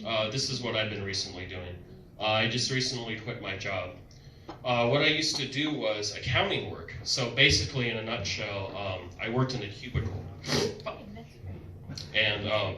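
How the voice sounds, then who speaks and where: A young stand-up comedian with a mid-range voice performs a set on a comedy club stage, telling loud, playful stories with sudden vocal outbursts. The mic picks him up from a distance in an echoey room, and crowd noise comes through clearly behind him.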